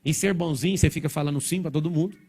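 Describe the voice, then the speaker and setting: Man, motivational speaker on stage; fast, slightly high voice; blunt, provocative delivery to a live crowd. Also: creaky, darkish tone, slightly rough. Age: adult, father of four. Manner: blunt, provocative, rapid-fire.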